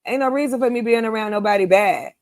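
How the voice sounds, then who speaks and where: A woman in her fifties hosting a casual group chat, emphatic and quick to laugh. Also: on the high side, no echo, studio quality. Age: 50s. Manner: animated, emphatic, laughs easily. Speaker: host.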